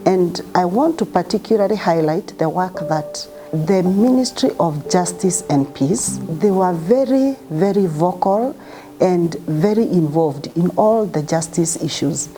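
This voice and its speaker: A woman's voice: on the low side, expressive, measured pace, over music. A woman representing the association, speaking emphatically in a documentary interview.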